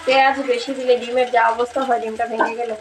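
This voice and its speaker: In her home kitchen, a woman in her 30s who speaks with a Bangladeshi accent talks casually as she cooks for her vlog. Her voice sits on the high side with a flat delivery, and her storytelling is chatty and unhurried. Background noise, a far-off microphone, and kitchen echo mark the audio.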